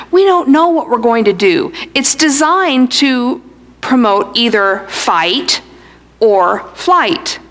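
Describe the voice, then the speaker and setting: A woman's voice: a little high, a bit bright. A woman pastor giving a sermon, telling a story and slipping in dry, humorous asides. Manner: storytelling delivery.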